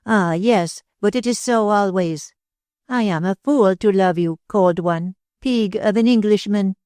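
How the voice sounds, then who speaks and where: A woman with a mid-range, darkish voice speaks slowly and passionately as a fiery, jealous Spanish dancer, using broken English with a Spanish accent and a tempestuous, dramatic manner. Her natural voice is pushed up in a clean studio recording with no room sound.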